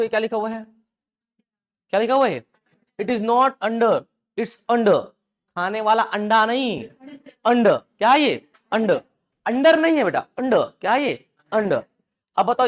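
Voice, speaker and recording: In a classroom lecture, an Indian-accented man with a voice that sits high runs an English lesson. He keeps drilling pronunciation with repeated questions to students, blending Hindi and English words as he goes.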